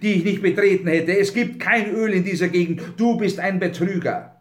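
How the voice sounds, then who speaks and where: A proud, stern chief, played by a man reading a novel aloud speaks in curt, scornful commands. His voice rides high and loud, full of disdain for those he accuses. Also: moderate pace, roomy sound, natural voice.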